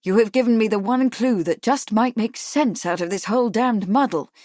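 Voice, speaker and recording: A woman narrator voicing a grim, steady Victorian gentleman who speaks calmly and gravely. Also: fairly high pitch, moderate pace, dry recording, clean studio sound, natural voice. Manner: calm, grave.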